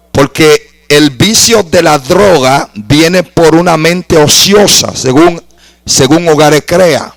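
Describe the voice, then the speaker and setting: A man preaching a sermon as a pastor, telling a dramatic story and rising to shouted praise. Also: a little high, vocal fry, dry recording, rough recording.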